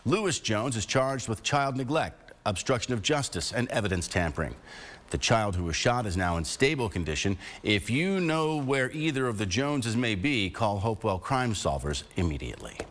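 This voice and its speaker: Lively American male news anchor. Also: lowish voice, normal speed. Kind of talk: scripted news reading.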